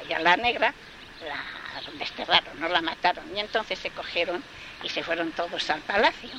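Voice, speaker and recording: An older woman telling a folktale in a rambling, repetitive way with many fillers, on a noisy field recording. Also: fairly low pitch. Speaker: folk storyteller.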